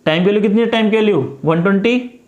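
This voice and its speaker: Man, high voice, tutor, repeats every step, roomy echo. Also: fast talker, darkish tone, dull audio. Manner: repetitive, coaxing, talks through each step. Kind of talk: step-by-step math lesson.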